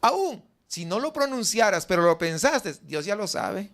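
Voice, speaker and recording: High-voiced Mexican pastor preaching. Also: male voice, big pitch swings, a little slow, a bit bright. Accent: Mexican Spanish. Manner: asks the congregation many rhetorical questions; acts out the doubts of the faithful in a raised voice. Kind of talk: sermon. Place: church.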